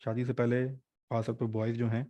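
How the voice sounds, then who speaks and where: A male teacher runs an online exam-prep class in a chatty, joking way. His voice sits at an ordinary middle pitch and is recorded dry and close on a desk mic, with no room sound. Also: monotone, a little fast, mellow, no echo, muffled recording. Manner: chatty, joking teacher mixing English terms.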